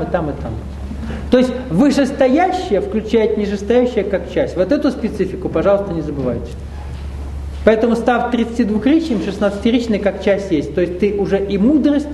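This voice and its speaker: A spiritual seminar teacher addresses a live audience in his high, warm voice, keeping things conversational with questions to the room and wry remarks. The hall is roomy and echoey, and there's a bit of background noise.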